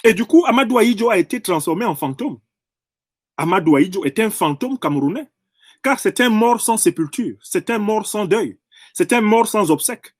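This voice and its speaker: A man speaks in an emphatic, professorial monologue, rephrasing and repeating phrases to press each point. His voice sits high for a man and swings widely in pitch. The recording is dry and close, with no room sound. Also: expressive, moderate pace, dry recording. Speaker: political commentator. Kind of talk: impassioned political monologue.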